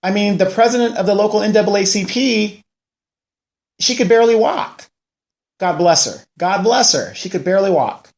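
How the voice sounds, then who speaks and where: Firing off rhetorical questions in a casual political rant, this local news host in his forties has a high, animated voice at a moderate pace.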